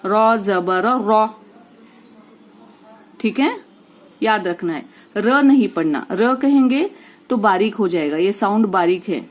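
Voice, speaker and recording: Slow, patient woman teaching Quran reading. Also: medium pitch, a little mellow, rough recording. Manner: patient, repeats rules and drills syllables slowly. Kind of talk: slow spoken lesson with drawn-out recitation.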